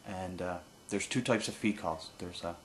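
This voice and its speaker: A man giving an informal hands-on tutorial as an instructor, explaining haltingly with pauses and no script. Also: low-pitched, a bit bright, slight background noise. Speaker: duck-calling instructor.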